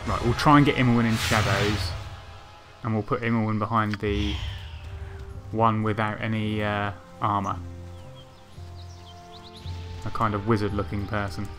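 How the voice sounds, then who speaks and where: A man's voice: fairly low pitch, flat delivery, a little slow, long pauses. A man giving casual let's play commentary, thinking aloud hesitantly as he plans his moves. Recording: game music behind voice.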